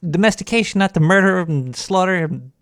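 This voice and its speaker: A man co-hosting a casual podcast, chiming in with deadpan jokes and banter. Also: sits high, brisk, clean tone, no echo, studio quality. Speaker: podcast co-host. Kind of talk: casual chat.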